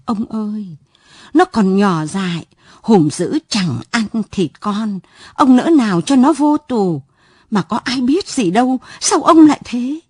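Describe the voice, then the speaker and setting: A woman's voice: a little high, animated, measured pace, a little mellow, breathy edge, no room sound, clean studio sound. A woman voicing a tearful old wife who begs her husband. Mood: pleading. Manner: pleading, tearful.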